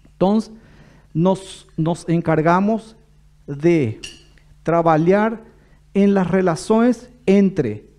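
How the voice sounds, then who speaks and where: Slow Paraguayan man mixing Portuguese and Spanish. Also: sits high, dark tone. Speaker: government official giving a talk. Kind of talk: formal public address.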